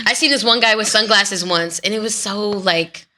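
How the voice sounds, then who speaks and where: Very bright-voiced woman guest. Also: mid-range voice, moderate pace. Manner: laughing, easygoing. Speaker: podcast guest. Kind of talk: casual chat. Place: recording studio.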